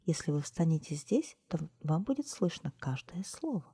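A woman voicing a timid female widow mouse, squeaky and fretful. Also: sing-song, normal speed, mellow, slightly rough, heavily acted. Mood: whispering.

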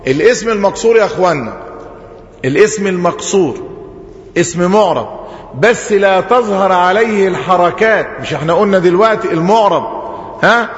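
A man with an Egyptian accent, a sheikh teaching an Arabic grammar lesson, who poses questions to the class and answers them himself. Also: high-pitched. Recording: echoey hall, dull lo-fi sound.

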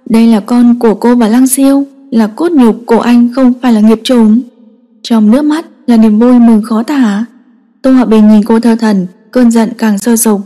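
A woman narrating a dramatic story in a steady, emotive reading. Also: a little high, normal speed. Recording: long echoing reverb.

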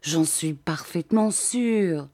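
A woman reading an audiobook, voicing a sentimental, mournful middle-aged husband who speaks slowly with sighs. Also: low-pitched, mellow.

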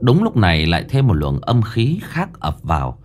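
Man, ghost story narration, lower pitch, very animated intonation. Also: moderate pace, noisy background.

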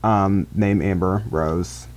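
A man co-hosting a casual chat, sassy and animated, calling the others "girl". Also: low voice, slow pace, a little hiss or hum. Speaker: podcast co-host.

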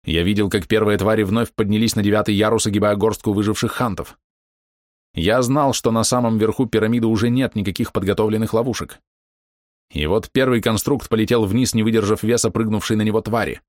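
A man giving steady, measured first-person narration of a fantasy audiobook. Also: on the low side, no echo, clean studio sound.

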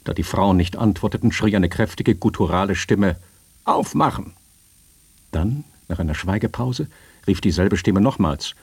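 A man narrating a literary story in a measured, even storytelling manner. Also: deep voice, slightly rough, no echo.

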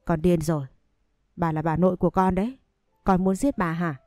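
A woman's voice: on the low side, fairly even intonation, moderate pace, a little mellow, no room sound, studio quality, faint music behind, lightly acted. A woman voicing a frail old grandmother. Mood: weak. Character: frail elderly grandmother, weak and frightened.

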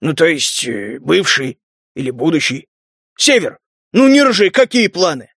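Male reader doing a loud indignant mutant, four-armed, raised and strained. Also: fairly high pitch, very animated, unhurried, creaky, breathy edge, no room sound, studio quality, exaggerated voice. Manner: shouting, indignant.

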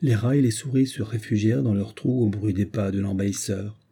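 A man narrating a classic novel as an audiobook, in a measured, steady reading. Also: fairly low pitch, husky.

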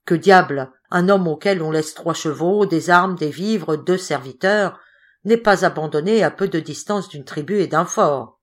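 A woman voicing a brisk, dismissive male expedition leader in an audiobook. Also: on the high side. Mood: impatient. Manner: brisk and reassuring.

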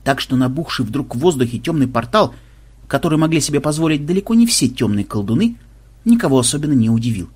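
A man narrating a fantasy audiobook in an expressive, ironic manner. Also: medium pitch, quick pace, husky.

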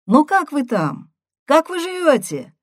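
A loud, excitable young sister, voiced by a woman reader in a storybook reading, her voice jumping high and tumbling out fast and breathless. The recording is dry and close. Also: dry recording. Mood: excited.

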